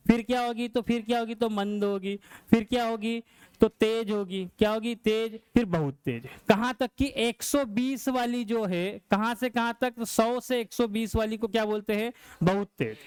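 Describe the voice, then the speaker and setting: A man's voice: sits high, moderate pace, darkish tone, clear, resonant tone, no echo. A male science teacher lecturing a class, asking questions and answering them himself.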